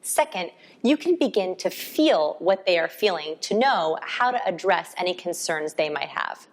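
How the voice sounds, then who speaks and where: A woman's voice: fairly low pitch, animated, normal speed. A woman instructor explaining a coaching concept in a recorded course, illustrating it with a client example.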